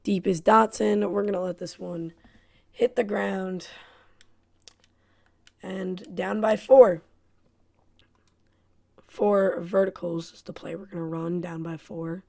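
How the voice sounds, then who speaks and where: A woman's voice: lowish voice, fairly even intonation, slow, creaky, long pauses, mellow. A woman giving play-by-play commentary on her own football video game, frustrated and self-critical. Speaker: gaming YouTuber.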